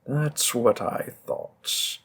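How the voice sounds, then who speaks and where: Playing a flirtatious, smooth-talking mafia boss in audio roleplay, a male performer uses a full character voice that's a bit bright yet gravelly and husky. He speaks at mid pitch, slowly and seductively, with teasing, playful menace and occasional whispers.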